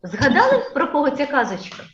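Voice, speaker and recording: A woman's voice: high-pitched, wildly swooping pitch. Sing-song woman teacher drilling sounds. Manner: slow, drawn-out sound drills with children repeating; sing-song, coaxing questions. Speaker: kindergarten teacher. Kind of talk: phonics lesson for young children. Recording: echoey room, dull lo-fi sound.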